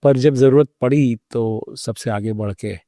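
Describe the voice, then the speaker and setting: A man, a doctor, telling his personal story as an interview guest, thoughtful and unhurried, with pauses and hesitations. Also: medium pitch, mellow, dry recording, studio quality.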